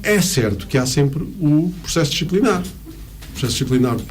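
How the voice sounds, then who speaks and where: A man's voice: fairly high pitch, expressive, moderate pace. A middle-aged man with a European Portuguese accent, a teacher explaining conversationally, searching for words and repeating them for emphasis. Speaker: teacher, guest in discussion. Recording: clear background room noise.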